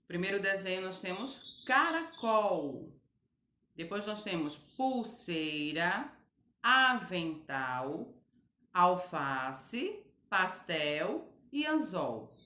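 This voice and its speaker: A woman teacher giving a recorded grammar lesson to children, slowly and patiently spelling out each word. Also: fairly low pitch, sharp tone, roomy sound. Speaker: primary school teacher.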